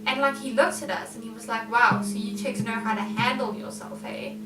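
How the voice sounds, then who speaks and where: A young South African woman co-hosts a casual chat vlog, telling stories with plenty of fillers. Her voice sits high. She sounds distant from the mic in an echoey room, with music playing underneath. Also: steady tone, a little fast. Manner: chatty, storytelling with lots of fillers. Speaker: vlog co-host.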